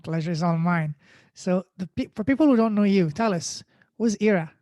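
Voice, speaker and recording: A man's voice: sits high, normal speed, darkish tone, dry recording. A man hosting a podcast, enthusiastic and effusive in his praise. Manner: enthusiastic, effusive, many fillers. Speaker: podcast host. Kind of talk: casual interview hosting.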